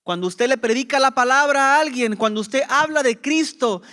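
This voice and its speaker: A man's voice: extremely high pitch, moderate pace, bright, forceful tone. A man preaching a sermon as pastor, with impassioned emphasis and rhetorical questions to the congregation.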